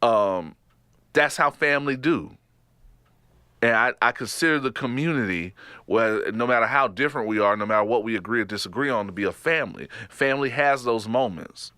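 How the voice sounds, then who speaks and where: Speaking at a moderate pace in a clean, mid-range voice, a Texan with a Texas accent co-hosts a podcast, recorded dry. He jokes animatedly, laughs often, and trails off and restarts through the casual chat that keeps breaking into laughter.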